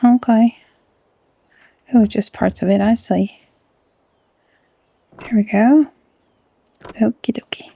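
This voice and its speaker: A woman with a Norwegian accent hosting a casual let's-play, chatty and often dropping into a soft half-whisper. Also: fairly high pitch, fairly even intonation, takes it slowly, vocal fry, pauses often, breathy edge. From Norway. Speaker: gaming channel host.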